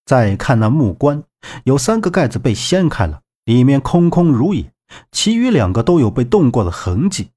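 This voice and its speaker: A male narrator reads an adventure audiobook in a dramatic, expressive style. His pitch rises and falls vividly as he tells the story. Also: normal speed. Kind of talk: scripted narration.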